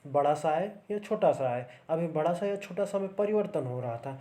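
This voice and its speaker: A man's voice: a little high, lively intonation, moderate pace, warm tone. A man teaching grammar for exam preparation, explaining step by step and checking in often with the viewer. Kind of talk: exam-prep grammar lesson.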